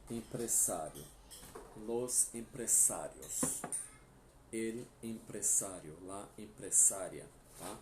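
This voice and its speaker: A man from Brazil with a Brazilian Portuguese accent, teaching a live online Spanish class and patiently explaining each word with frequent checks like "tá?" and "né?". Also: lowish voice. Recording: echoey room with faint ambient noise.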